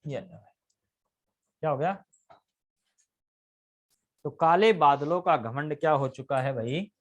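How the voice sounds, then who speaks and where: A man's voice: on the high side, expressive, takes it slowly. A man teaching a live grammar lesson, constantly quizzing his students with questions and answering them himself.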